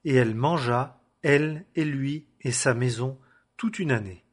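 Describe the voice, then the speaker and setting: Husky man reading scripture solemnly. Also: mid-range voice, measured pace. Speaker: scripture reader.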